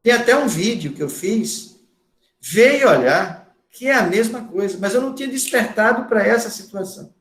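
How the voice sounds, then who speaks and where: Male instructor, high, forceful lecturing voice, echoey room. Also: animated, moderate pace. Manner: loud, emphatic, repeats words for stress. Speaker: course instructor. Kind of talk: lecture to a class.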